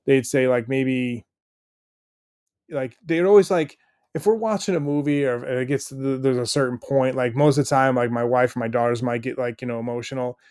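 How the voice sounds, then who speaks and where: A man's voice: medium pitch, steady tone, a little fast, darkish tone, clear, resonant tone, no room sound, clean studio sound. A middle-aged man, a stay-at-home dad guesting on a podcast, talking in an earnest, rambling way with lots of fillers. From United States. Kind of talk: casual interview chat.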